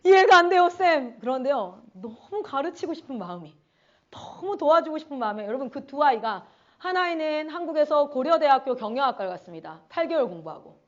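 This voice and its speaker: A woman's voice: high voice, sing-song, brisk, highs cut off. A woman missionary giving a conference sermon, telling stories animatedly and acting out her students' voices. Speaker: missionary speaker.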